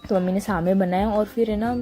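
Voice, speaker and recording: A young woman from India talks through her day in an easy, chatty voice-over, often stopping to hunt for the right word. Her voice is warm and mellow, set at an ordinary middle pitch. Quiet music plays behind her. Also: steady tone, brisk. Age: young adult. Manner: chatty, searching for words, frequent laughs. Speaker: vlogger. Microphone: small handheld mic.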